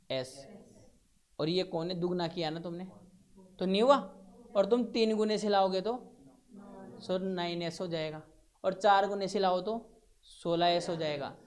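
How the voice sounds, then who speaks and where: A man's voice: high-pitched, measured pace, long pauses. A male physics teacher, lecturing a classroom and quizzing students step by step.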